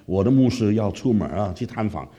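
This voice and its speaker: A man from Malaysia with a Malaysian Mandarin accent, telling a lively story as a preacher and often asking listeners "right?". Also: on the low side, brisk. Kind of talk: storytelling sermon.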